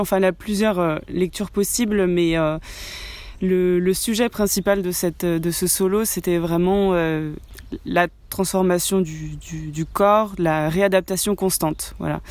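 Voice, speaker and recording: A woman's voice: lowish voice, steady tone, a little slow, darkish tone, no echo. A young adult woman, a contemporary dancer, answering radio interview questions with many hesitations and restarts.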